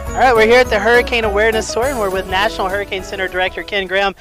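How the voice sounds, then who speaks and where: A man reporting on weather as a show host and storm chaser, in a casual, halting way. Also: high-pitched, flat delivery, over music.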